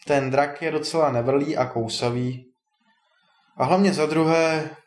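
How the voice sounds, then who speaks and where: A man voicing a kindly, teasing old male wizard in a storybook tale, a bit higher than his narration. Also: fairly even intonation, a little mellow, close to an everyday voice. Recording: roomy echo.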